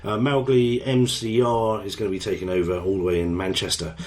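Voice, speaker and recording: A man's voice: on the low side, level tone, a little fast, a little mellow, a little hiss or hum. A man hosting a radio show, chatting casually and joking at his own expense. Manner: chatty, self-deprecating. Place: radio studio.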